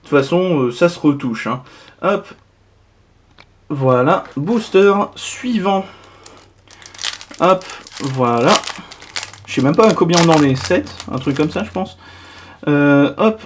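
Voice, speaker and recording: A man's voice: on the high side, lively intonation, slow pace, pauses often, slight background noise. A man giving casual, rambling commentary as he opens trading card boosters, dropping little asides between cards. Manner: chatty, rambling, full of little "hop, voilà" asides. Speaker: card collector opening boosters.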